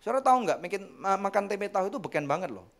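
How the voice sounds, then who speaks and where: Lively, high-voiced male preacher. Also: rapid-fire, creaky. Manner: animated preaching with sudden loud bursts and acted-out quotes; addresses the congregation often, jokes and laughs. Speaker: pastor. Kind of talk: sermon. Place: church service.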